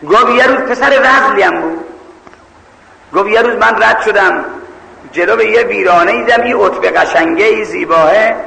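A man's voice: sits high, vocal fry. A man telling a religious story as a preacher, acting out the quoted lines. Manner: lively storyteller who acts out quoted lines. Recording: echoey hall with long reverb.

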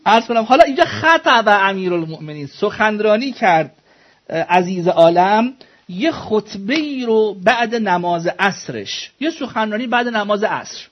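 A man's voice: sits high, expressive, muffled recording. A man teaching a religious studies class, explaining texts word by word, questioning students and joking with them.

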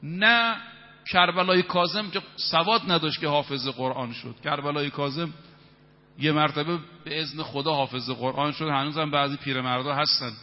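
Fervent middle-aged male preacher in a hall. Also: fairly high pitch. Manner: emphatic, recites verses in Arabic. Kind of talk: evening religious sermon. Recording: reverberant, dull hall sound.

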